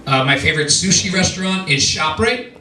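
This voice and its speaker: Man in his 20s, from New Jersey, stand-up comic, high bright voice, echoey club taped from afar. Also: lively intonation, a little fast, recorded from a distance, a little hiss or hum. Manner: dry, self-deprecating delivery with hesitant restarts. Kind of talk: stand-up set. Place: small lounge comedy club.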